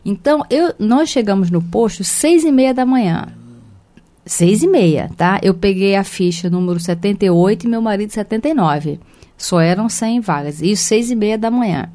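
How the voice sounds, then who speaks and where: A woman's voice: medium pitch, animated, moderate pace, mellow. Brazilian woman, host, casual anecdotal chatter. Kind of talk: casual chat.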